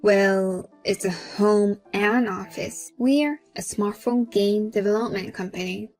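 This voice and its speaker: A woman telling a dramatized first-person story, speaking in a calm, firm and cool manner. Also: mid-range voice, takes it slowly, faint music behind. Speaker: narrator and homeowner in the story.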